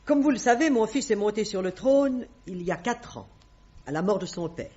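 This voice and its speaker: Her voice is mid-range, mellow, animated and natural as she plays a proud queen mother in middle age for French radio drama. Grave and confiding, she keeps a haughty, formal manner with measured diction, heard on a dull-sounding old recording.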